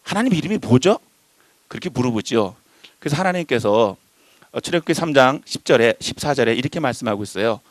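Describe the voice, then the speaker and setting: Man, preacher, animated sermon, swooping expressive pitch, dry close sound. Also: quick pace, no echo. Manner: animated, voices shifting pitch and loudness for emphasis. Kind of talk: lively sermon to a congregation.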